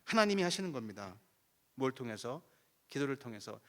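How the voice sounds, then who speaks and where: Male guest pastor, revival sermon, lively and wide-ranging delivery, plays both voices in his stories. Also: mid-range voice, a little fast. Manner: animated storytelling, acting out both sides of conversations. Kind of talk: sermon with acted prayer dialogue.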